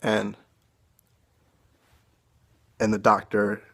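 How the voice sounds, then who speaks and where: In a phone-camera recording, a young man haltingly tells his own story with earnest emotion. His voice sits on the low side, gravelly and a bit bright, and stays monotone.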